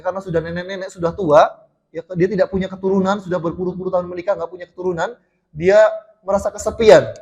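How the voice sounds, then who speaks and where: A man's voice: sits high, a little mellow, dull audio. An Indonesian man giving a mosque sermon, telling stories with frequent restarts and fillers to the congregation. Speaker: preacher.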